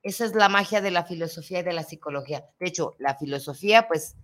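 A woman retelling an old tale in a casual, animated, joking way, full of asides and restarts. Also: on the low side, quick pace. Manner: animated, colloquial, jokey, with frequent restarts and asides. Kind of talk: casual storytelling chat.

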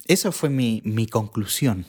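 A man's voice: fairly low pitch, measured pace, husky. Chilean man telling a church story. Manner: animated, acts out the people he quotes. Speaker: guest sharing his testimony; church bass player. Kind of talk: casual storytelling.

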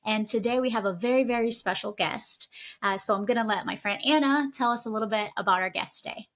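A woman's voice: medium pitch, quick pace. A woman hosting a podcast, welcoming listeners in an upbeat way. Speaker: podcast host.

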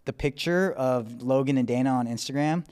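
Male co-host, medium pitch, loose slangy conversational delivery. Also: moderate pace, darkish tone. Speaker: podcast co-host. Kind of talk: casual chat.

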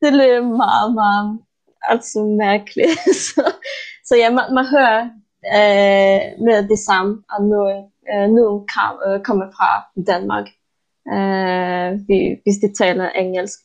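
A woman from Poland, a podcast guest, talking casually in a second language with many pauses, fillers and restarts, and often laughing. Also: mid-range voice, level tone.

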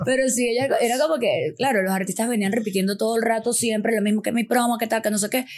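A woman in casual podcast chat as a guest sex educator, telling animated stories, laughing often and acting out quotes. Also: a little high, fast talker.

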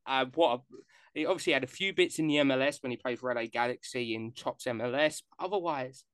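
A man's voice: mid-range voice, quick pace, a bit bright, clean tone, no room sound. A man hosting a casual podcast chat, jokey and rambling. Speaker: podcast host.

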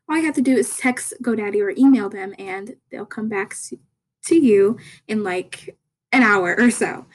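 A young woman hosts a casual podcast, rambling and chatting with lots of fillers. Having just woken up, she sounds raspy, with a slightly high and somewhat mellow voice.

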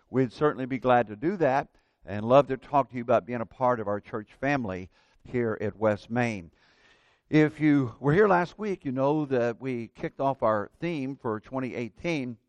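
A man preaching a sermon at a pulpit microphone, earnest and measured, slowing down to stress key words. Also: medium pitch, no echo, dull audio.

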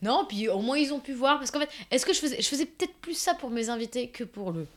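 Young woman, podcast host, playful banter, slightly high voice. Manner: playful, animated, quick asides. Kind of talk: casual podcast chat.

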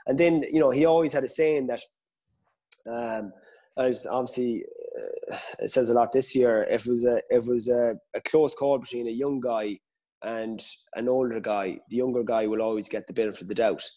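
On a podcast, a Gaelic football pundit appears as a guest for a casual sports chat, hesitating and repeating words as he thinks out loud. His medium-pitched voice is steady and dark, at a moderate pace.

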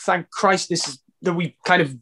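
A man's voice: sits high, normal speed, pushed and bright. A Welsh man from Wales, a singer talking casually in an interview, rambling with lots of fillers and restarts.

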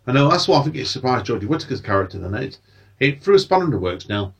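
A man runs a casual podcast chat, asking his guests questions and sometimes tripping over names. His voice is rough and husky, and his pitch swings around a lot. He sounds set back from the microphone. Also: big pitch swings, fast talker, recorded from a distance. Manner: chatty, loses his words, asks questions. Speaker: podcast host.

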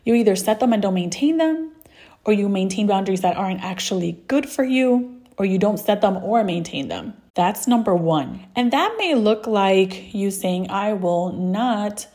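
A woman hosting her own podcast and talking straight to her listeners. Her voice sits at a middle pitch, and her delivery is casual. She laughs easily and often asks "right?" to keep them with her. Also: big pitch swings, normal speed, warm tone. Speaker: podcast host. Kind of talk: solo podcast talk.

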